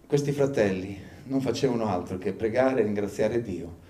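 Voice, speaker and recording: A man preaching a sermon as pastor, rising now and then into loud, high bursts of fervor. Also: moderate pace. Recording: echoey room, faint ambience.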